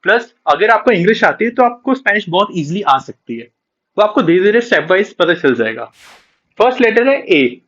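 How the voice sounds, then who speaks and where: A man with a high, animated voice talks beginners through a language lesson one step at a time, moving between Hindi and English. He slows down to sound out each letter clearly. The recording is dull and lo-fi. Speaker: Spanish teacher.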